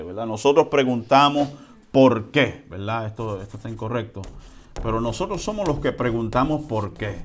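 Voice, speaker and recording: A man preaching a sermon in a conversational way, often checking in with the congregation and swinging between quiet and loud. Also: mid-range voice. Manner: lively swings between soft and loud, with chuckles. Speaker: pastor.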